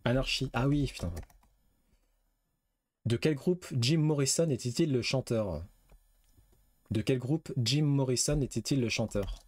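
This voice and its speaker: Dry-voiced streamer guessing quiz answers. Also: male voice, medium pitch, unhurried, long pauses, a little mellow, dry recording. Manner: reads questions aloud, guesses, swears casually. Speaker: gaming streamer. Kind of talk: casual live quiz game commentary.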